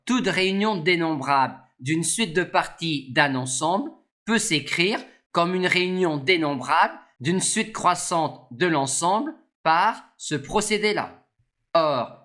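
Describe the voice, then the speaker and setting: Maths lecturer, slow pace, bright crisp tone, mid pitch, formal scripted delivery. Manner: measured, formal explaining. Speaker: mathematics lecturer.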